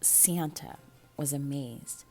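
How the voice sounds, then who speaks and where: Like a school librarian at story time, a woman with a bass voice reads a picture book aloud, animated and measured, with dramatic pauses. There's soft background music.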